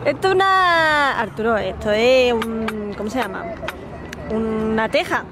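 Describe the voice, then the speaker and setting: A woman's voice: fairly high pitch, unhurried, over a noisy crowd, heavy background noise. A woman, chatting to a handheld camera in a family vlog, laughing often. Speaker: family vlogger. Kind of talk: casual vlog chat. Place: car and home. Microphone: handheld camera at arm's length.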